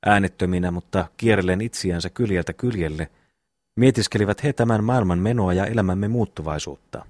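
A man narrating a classic novel as an audiobook, calm and unhurried, with a low voice. The sound is close and dry, with no room echo. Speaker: audiobook reader.

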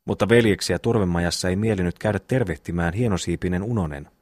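A man narrating a classic novel as an audiobook, calm and unhurried, with a low voice. The sound is close and dry, with no room echo. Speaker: audiobook reader.

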